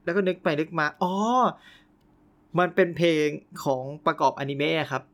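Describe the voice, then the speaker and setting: A young man hosting a casual storytelling podcast, animated and often laughing. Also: fairly high pitch, normal speed. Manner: animated, laughing, playful exclamations. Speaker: podcast host.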